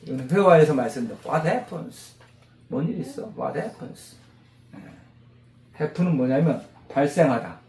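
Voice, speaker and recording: A man teaching English vocabulary to a class of mothers, animated, quizzing them and drilling repetition. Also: on the high side, a little slow, creaky, pauses often, slight background noise. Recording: roomy classroom echo.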